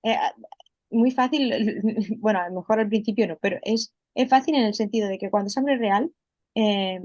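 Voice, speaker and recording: A woman's voice: mid-range voice, normal speed, darkish tone, no echo. Chatty woman explaining, dry sound. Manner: explanatory, frequent fillers and restarts. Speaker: holistic health coach, guest. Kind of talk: conversational interview.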